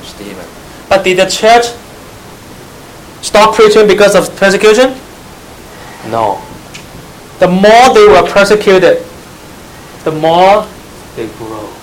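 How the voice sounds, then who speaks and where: A man's voice: high voice, sing-song, takes it slowly, pauses often, slight background noise, poor audio. A man teaching church history, spelling out terms letter by letter, glossing them in Chinese and quizzing his listeners. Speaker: Bible teacher.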